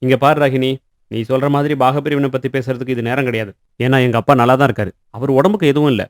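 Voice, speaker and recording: A man's voice: medium pitch, steady tone, quick pace, no echo, lightly acted. A man voicing a patient, dutiful elder son and husband in a cartoon, speaking firmly and reasonably. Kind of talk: cartoon voice acting.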